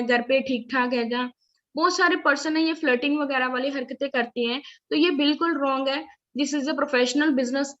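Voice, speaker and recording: Bright, high-voiced woman trainer. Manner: instructive, often checks "ठीक है?" and "clear है?". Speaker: network marketing trainer. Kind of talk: training session. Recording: slightly dull lo-fi audio.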